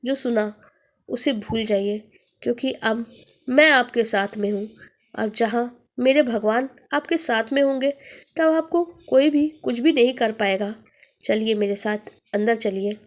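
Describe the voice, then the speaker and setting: A woman's voice: fairly high pitch, a little slow, close to an everyday voice. A woman voicing a kind, devout young delivery man who speaks politely and reassures. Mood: reassuring.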